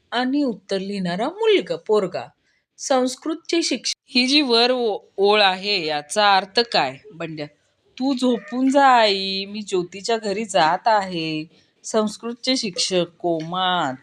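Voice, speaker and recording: A woman reading short jokes aloud, dropping low and soft to name each speaker. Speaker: joke reader.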